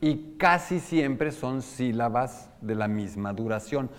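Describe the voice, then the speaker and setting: A man's voice: medium pitch, lively intonation, takes it slowly, music in the background. A man with a Mexican Spanish accent gives an informal lecture on opera, asking his audience questions and singing short examples. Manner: explains with sung and spoken examples, asks the audience questions. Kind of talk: informal lecture to a live group. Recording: long hall reverb.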